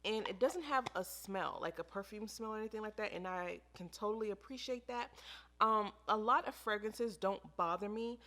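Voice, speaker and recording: Reviewing products as a beauty vlogger, an American woman talks to camera in a loose, emphatic style and repeats phrases for emphasis. Her mid-range voice moves at a moderate pace and sounds pushed and bright.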